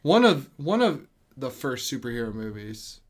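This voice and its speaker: A man's voice: mid-range voice, big pitch swings, moderate pace. A man co-hosting a movie podcast, rambling casually and swearing now and then. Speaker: podcast co-host.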